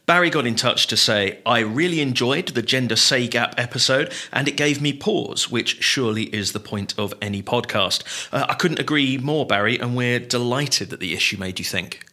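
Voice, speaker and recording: A man's voice: medium pitch, normal speed, hardly any pauses, sharp tone. A man co-hosting a podcast, chatting in a dry, joking, easygoing way. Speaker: podcast co-host. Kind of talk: casual podcast chat.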